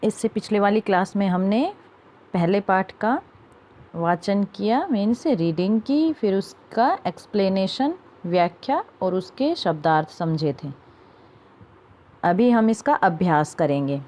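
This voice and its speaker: Slow, careful woman teaching children. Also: mid-range voice, mellow. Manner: slow, careful word-by-word pronunciation drills; asks questions and answers them herself. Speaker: Sanskrit teacher. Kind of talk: classroom lesson for children.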